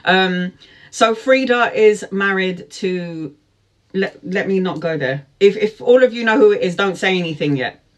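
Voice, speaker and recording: This man in his forties, a tarot reader, chats to camera while rambling through a personal story, dropping in frequent fillers and side remarks. His voice is high-pitched and a bit bright.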